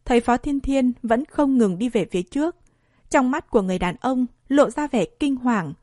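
A woman narrating a dramatic story in a steady storytelling voice. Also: on the high side, normal speed, no room sound, clean studio sound.

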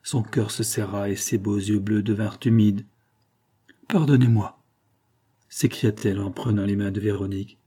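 A man narrating a novel as an audiobook, in a steady, measured storytelling manner. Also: fairly low pitch, slightly rough.

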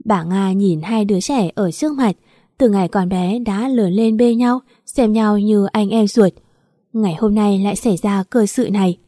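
Woman reading a story out loud, steady and even, middle pitch, dry sound. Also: moderate pace, no room sound. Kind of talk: scripted story narration.

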